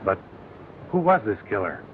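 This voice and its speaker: Low-voiced young Western sheriff. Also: male voice, very animated, moderate pace. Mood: earnest. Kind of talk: 1930s film western acting. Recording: tinny noisy 1930s film soundtrack.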